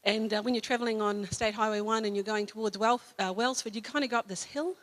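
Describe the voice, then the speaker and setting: A woman with a New Zealand accent speaks at a church service in a mid-pitched voice. She tells her story in a chatty, loose way, full of fillers and restarts, then slows down to read scripture. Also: fairly even intonation. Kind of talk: informal sermon talk. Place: church hall.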